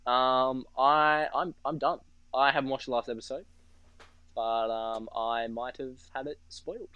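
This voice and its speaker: A young man co-hosting a casual podcast chat, trading dry, deadpan jokes. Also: mid-range voice, a little slow, clean tone. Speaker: podcast co-host.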